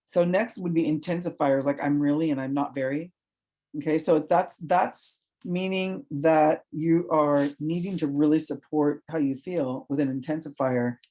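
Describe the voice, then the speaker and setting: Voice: medium pitch, darkish tone. A college professor giving a recorded online lecture in a loose, conversational way, often checking in with "right?" and "okay". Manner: loose and informal, with fillers and restarts.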